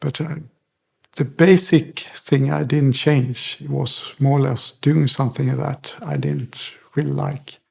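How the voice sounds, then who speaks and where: A middle-aged man from Sweden with a Swedish accent, a podcast guest telling his life story in a halting way with many pauses and fillers. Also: medium pitch, fairly even intonation, gravelly, darkish tone, breathy edge. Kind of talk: personal interview.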